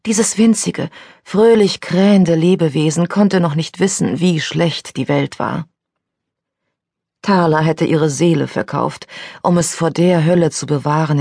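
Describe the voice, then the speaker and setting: A woman reads an audiobook in a slow, measured narration. Her voice is husky with a gravelly edge. The recording is close and dry. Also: sits low, dark tone, dry recording. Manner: measured, unhurried reading. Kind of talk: scripted narration.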